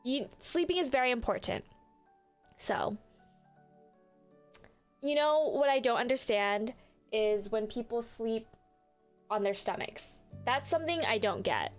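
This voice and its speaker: A woman's voice: a little high, animated, unhurried, long pauses. A young woman livestreaming in a casual, chatty way, apologetic and full of fillers. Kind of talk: casual live-stream chat. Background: faint background music.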